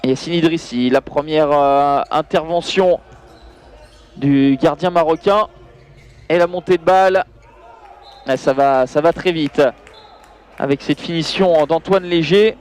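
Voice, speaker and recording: High-pitched man commentating a handball match. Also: a little slow, long pauses, clean tone. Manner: excitable, voice surging on big plays. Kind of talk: live sports commentary over match highlights.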